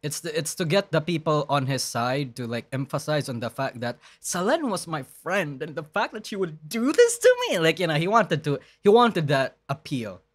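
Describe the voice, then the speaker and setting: A man's voice: fairly high pitch, big pitch swings, moderate pace, few pauses. Man giving casual live reaction commentary. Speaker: streamer, reaction host.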